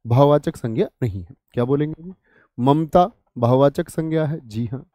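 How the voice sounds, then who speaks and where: A man's voice: mid-range voice, moderate pace, mellow, dry recording. Dry-voiced male Hindi teacher quizzing students. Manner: asks questions and answers them himself, repeats answers; addresses students familiarly, 'bhai sahab', 'dost'. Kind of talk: online exam-prep lesson.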